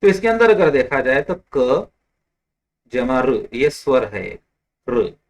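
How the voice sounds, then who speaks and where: A man teaching a Sanskrit grammar lesson in a patient, explanatory way, repeating examples slowly and stopping to correct small slips. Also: mid-range voice, big pitch swings. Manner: explanatory, slips and corrects himself, mixes English terms. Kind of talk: online lecture.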